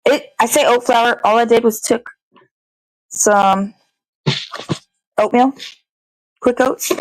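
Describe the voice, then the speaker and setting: Speaking slowly in a fairly high, fairly even voice, this American morning-show host chats from her kitchen as she cooks. Her talk is casual, meandering and full of swearing. The audio is poor, though there's no room sound.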